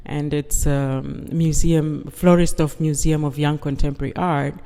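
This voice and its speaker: A guest artist from the United Kingdom answering interview questions in a slow, measured, reflective way. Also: mid-range voice, flat delivery, vocal fry, warm tone, clear, resonant tone. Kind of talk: interview conversation. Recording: long reverb, hall-like.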